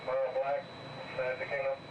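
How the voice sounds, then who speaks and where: A man's voice: mid-range voice, completely flat delivery, fairly quick. Man's clipped voice over two-way radio. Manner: clipped radio procedure codes. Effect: two-way radio transmission. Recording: muffled distant radio in echoey noisy cab.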